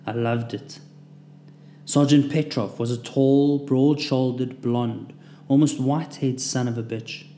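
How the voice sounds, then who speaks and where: A man's voice: mid-range voice, fairly even intonation, a little slow, mellow, slight background noise. A man narrating his own war memoir in a vivid, dramatic storytelling manner. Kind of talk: scripted first-person memoir narration. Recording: roomy echo.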